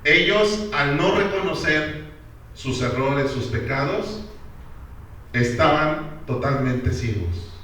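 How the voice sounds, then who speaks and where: This pastor's voice sits on the high side, slow, pushed and bright, with slight background noise. He preaches emphatically in a church hall, often putting questions straight to the congregation, and is recorded from far off in a very echoey space.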